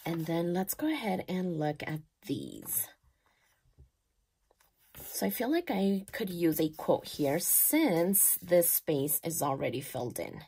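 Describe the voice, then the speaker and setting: A woman in her thirties talking her way through a planner layout in a relaxed, unhurried way. Her voice sits low with a gravelly edge, yet swings widely up and down as she gushes over little details and thinks aloud. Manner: chatty and gushing, thinking aloud, soft at times. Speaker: planner vlogger. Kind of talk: casual voice-over while decorating a planner.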